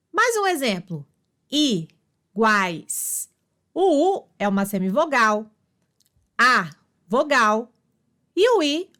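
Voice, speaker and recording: High, lively woman reading study notes slowly. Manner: reads terms in short slow phrases. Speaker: study narrator. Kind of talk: scripted narration of study notes.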